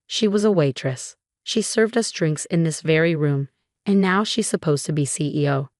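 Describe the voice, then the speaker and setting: A woman's voice: low-pitched, moderate pace, a little mellow, no echo, clean studio sound, natural voice. Woman reading as an arrogant ex-husband. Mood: bitter pleading. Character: desperate arrogant ex-husband, grown man.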